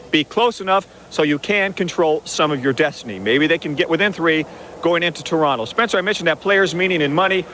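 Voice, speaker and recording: A man files a live sports report from a stadium with a quick, wisecracking delivery. His voice is bright and high, and the words come fast. Faint outdoor noise sits behind him.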